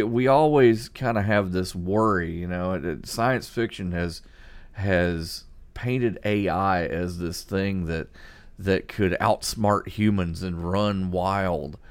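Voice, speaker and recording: A man hosting a podcast, discussing news conversationally in a halting way, repeating words as he thinks aloud. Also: low-pitched, clean tone. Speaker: podcast host.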